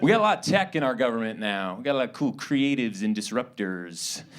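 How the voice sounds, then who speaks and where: A young man from suburban New York doing a stand-up set on a theater stage, animated and breaking into high-pitched character voices. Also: fairly quick. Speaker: stand-up comedian.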